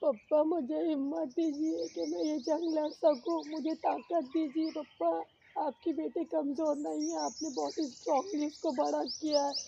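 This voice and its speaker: A woman's voice: high-pitched, steady tone, normal speed, vocal fry, dark tone, muffled recording, a little hiss or hum. A woman crying as she talks to her late father at his grave outdoors, pleading with him. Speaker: vlogger. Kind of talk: tearful talk at a father's grave. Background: birdsong.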